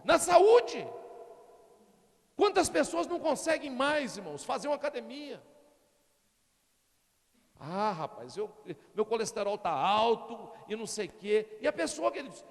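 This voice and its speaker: A middle-aged male pastor preaching a sermon, animated and constantly appealing to the congregation. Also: extremely high pitch, vocal fry, big-room sound. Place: church.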